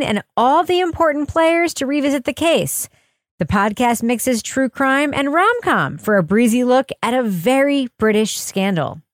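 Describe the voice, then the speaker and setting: A woman hosting a podcast, chatty and animated, sometimes giggly. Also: high-pitched, no echo, clean studio sound. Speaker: podcast host. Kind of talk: casual podcast chat and read promo.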